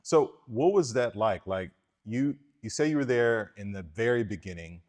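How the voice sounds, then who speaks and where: Man, low voice, interview host, casual friendly questions, filler-heavy. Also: lively intonation, normal speed, darkish tone.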